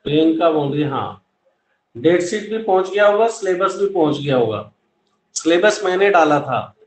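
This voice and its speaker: A man's voice: a little high, expressive, normal speed, darkish tone. A middle-aged man teaching an online class, explaining step by step, mixing English terms into Hindi and speaking straight to his students, recorded on a laptop webcam at home. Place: small room at home with plain wall, indoors. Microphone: laptop webcam at close range. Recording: echoey room with faint background hiss.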